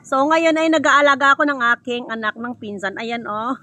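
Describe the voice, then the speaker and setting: Chatty bright-voiced woman vlogging outdoors. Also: high-pitched, moderate pace. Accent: Filipino. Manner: chatty, laughs often, addresses viewers as guys. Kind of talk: casual vlog walkthrough. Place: outdoor rural yard.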